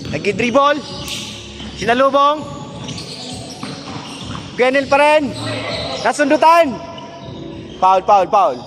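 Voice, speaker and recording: Male cameraman calling a pickup game: very high, unhurried, excited shouts, music behind. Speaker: cameraman doing play-by-play. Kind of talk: casual play-by-play commentary. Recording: music playing under voice.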